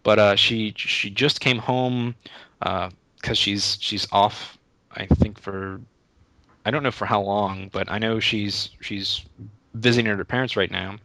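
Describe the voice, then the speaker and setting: A man's voice: on the low side, steady tone, measured pace, pushed and bright, no room sound. A young man answering interview questions in a casual, rambling way, often restarting his sentences. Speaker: YouTube Let's Play creator, interview guest.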